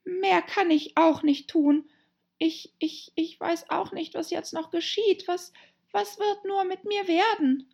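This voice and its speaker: A woman's voice: extremely high pitch, fairly even intonation, slow pace, creaky, darkish tone, muffled recording, voice pushed up, full character voice. Woman playing fretful girl Alice. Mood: anxious. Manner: anxious, stammering self-talk. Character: girl Alice, worried and chattering to herself. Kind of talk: audiobook character voice.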